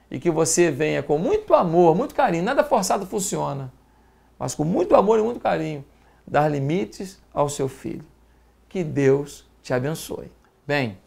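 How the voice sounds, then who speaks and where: A Brazilian-accented pastor with a slightly high, darkish voice and vocal fry gives an earnest broadcast sermon. Emphatic and fatherly, he exhorts his listeners and repeats words for stress.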